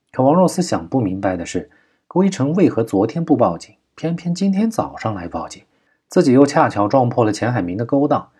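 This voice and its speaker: A man narrating a crime novel audiobook at a steady, measured pace. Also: on the low side, husky.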